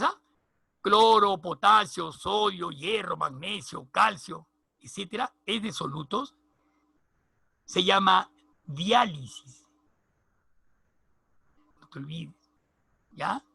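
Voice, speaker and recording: Gravelly, bright-voiced male biology teacher. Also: sits high, no room sound. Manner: repeats key terms, checks in with "¿ya?" and "¿no?". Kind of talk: recorded lecture.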